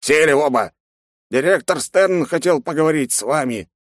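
A man voicing an irritable male academy curator in an audiobook, loud and snapping. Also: high-pitched, animated, moderate pace, creaky, pitched above the performer's own voice, heavily acted. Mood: angry. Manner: shouting, snapping.

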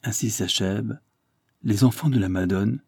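A man reading a classic story aloud as an audiobook narrator, in a measured, even manner. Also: fairly low pitch, dry recording, clean studio sound. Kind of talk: scripted narration.

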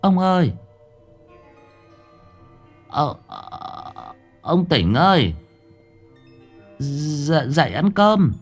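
Man doing a shrill scolding old village woman. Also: sing-song, very slow, long pauses, faint music behind, exaggerated voice. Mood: timid. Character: shrill older village woman, quick-tempered.

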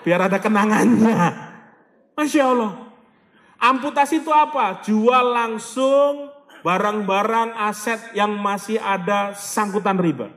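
A man giving an animated motivational sermon, dropping in Javanese and Arabic phrases and acting out people praying. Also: high voice, measured pace. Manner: animated, acts out voices of people praying and pleading. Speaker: motivational preacher. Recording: long hall reverb.

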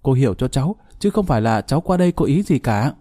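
A man's voice: medium pitch, sing-song, fast talker, dark tone, no room sound, clean studio sound. A man reading as an anxious pleading young woman. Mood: persuasive. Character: young woman, scheming then tearful and remorseful. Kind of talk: storybook reading.

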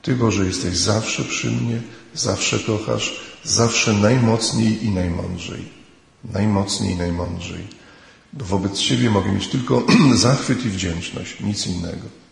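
Deep gravelly priest in an echoey hall. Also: male voice, unhurried. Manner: earnest, speaks prayers aloud to God. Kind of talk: retreat sermon. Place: retreat hall.

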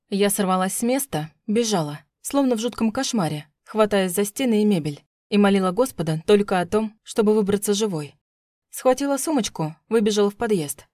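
A woman's voice: medium pitch, dark tone, no room sound, clean studio sound. Woman narrating a dramatic audiobook. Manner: tense, dramatic reading. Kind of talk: first-person audiobook narration.

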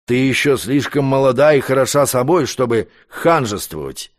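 A man reading an audiobook, voicing an arrogant male magician count who speaks calmly and curtly. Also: mid-range voice, moderate pace, lightly acted. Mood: cool scornful. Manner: calm, curt, condescending. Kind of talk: audiobook character voice.

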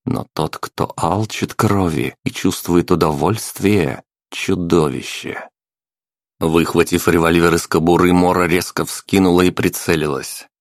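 Deep gravelly male audiobook narrator. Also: dry recording, studio quality. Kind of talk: scripted first-person narration.

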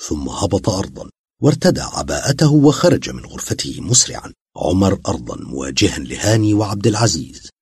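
A man narrating a dramatic audio story in a husky, expressive voice. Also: sits low, no echo, clean studio sound.

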